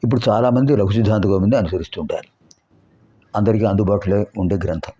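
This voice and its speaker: A man teaching a Sanskrit lesson, explaining grammar and slowly repeating sounds to show how to pronounce them, with rhetorical questions. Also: on the low side, mellow, husky. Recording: dull lo-fi recording.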